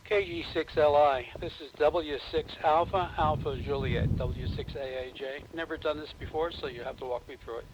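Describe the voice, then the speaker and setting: Muffled ham radio caller through heavy static. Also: male voice, fairly high pitch, fairly even intonation, moderate pace, hardly any pauses. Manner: giving his call sign in phonetic alphabet. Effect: heard over a two-way radio handheld. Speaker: ham radio operator calling in. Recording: muffled distant radio signal with loud static.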